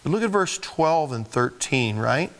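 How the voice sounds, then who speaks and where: A middle-aged male preacher delivering a sermon in an animated, storytelling way. His voice sits a little high and leaps up and down in pitch as he acts out voices. He keeps it conversational and personal. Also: a little slow.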